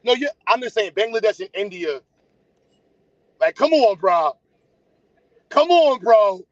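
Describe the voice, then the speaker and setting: Very animated yet a little slow, a high-voiced American man talks straight to viewers on his casual livestream, teasing them bluntly. The close, dry pickup carries no room echo, and the sound quality is dull and lo-fi.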